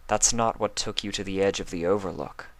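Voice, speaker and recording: A man voicing a gentle, regal pony princess with a soft manner. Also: low-pitched, fairly even intonation, a little fast, no room sound. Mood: soothing.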